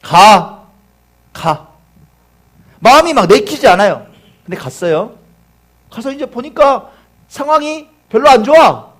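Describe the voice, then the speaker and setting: A man's voice: very high-pitched, lively intonation, moderate pace. A male pastor preaching a sermon, telling a story animatedly with rhetorical questions.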